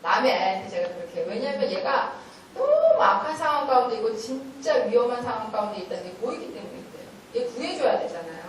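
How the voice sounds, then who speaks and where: A middle-aged woman giving a lively talk at a church parenting meeting, telling stories and acting out stern scolding. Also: fairly high pitch. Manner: animated storytelling, acting out stern scolding, often laughing. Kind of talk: lecture-style talk with acted quotes. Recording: echoey hall, voice from far off.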